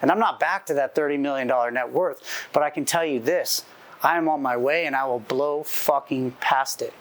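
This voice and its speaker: A man's voice: mid-range voice, normal speed. A man in his forties giving a profane, intense motivational talk as an entrepreneur speaker, telling his story through acted-out dialogue. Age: 40s.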